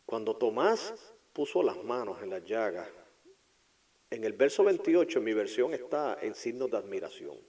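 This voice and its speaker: A male pastor preaching a sermon, dropping to whispered asides and then rising to loud, impassioned declarations. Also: fairly low pitch, big pitch swings, moderate pace, breathy edge, poor audio.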